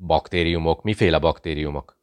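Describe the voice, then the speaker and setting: A man voicing a gruff, suspicious army sergeant in an audiobook, barking short questions. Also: extremely low pitch, fairly even intonation, no room sound. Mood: angry. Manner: curt barked questions. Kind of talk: audiobook dialogue.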